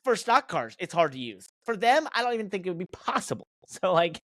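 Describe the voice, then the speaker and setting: With a high-pitched, very animated voice and a fairly quick pace, an American racing pro co-hosting a motorsport podcast gives his opinions emphatically in casual conversation. It's studio quality audio with no room sound.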